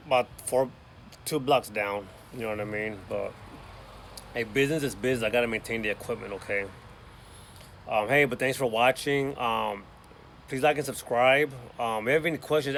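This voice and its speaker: A man's voice: mid-range voice, fairly bright tone, a little hiss or hum. A man who runs a lawn care business, talking casually to the camera from a yard and often saying "y'all" and "you know what I mean". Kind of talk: casual vlog talk to camera. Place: outdoors in a yard.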